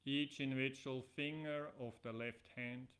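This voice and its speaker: This middle-aged man teaches yoga nidra, offering relaxation guidance in careful, deliberate phrases separated by pauses. His mid-range voice holds a steady, fairly bright tone.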